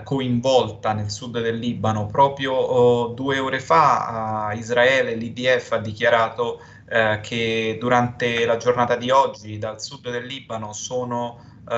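A man's voice: mid-range voice, a bit bright, a little hiss or hum. Man reporting over a muffled call line. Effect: heard over a remote call line. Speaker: field correspondent. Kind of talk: live remote news report. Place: in Lebanon.

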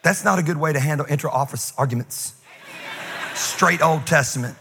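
A middle-aged man, a pastor, preaching a sermon with humor and lively asides. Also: fairly high pitch, moderate pace, vocal fry, long reverb tail, noisy background.

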